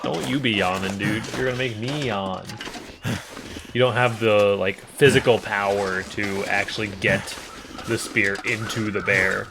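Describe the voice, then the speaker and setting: Man, let's play host, casual rambling commentary, joking, low voice, noisy game audio behind. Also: steady tone, unhurried, creaky.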